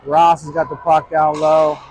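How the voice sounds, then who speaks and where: A man giving brisk play-by-play hockey commentary, his voice washed in heavy hall-like reverb. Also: a little high, level tone, a little mellow. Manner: brisk, clipped play calls that rise toward the final seconds. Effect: heavy echoing reverb, like a big hall. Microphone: microphone placed near an iPad. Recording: echoey reverb-heavy recording with faint noise.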